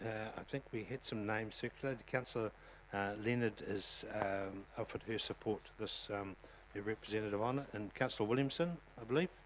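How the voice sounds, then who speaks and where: A man who chairs a local council meeting as mayor. He has a New Zealand accent, talks in a relaxed way with many ums, and speaks up when he calls the votes. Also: on the low side, brisk, few pauses, slight background noise, low-quality recording.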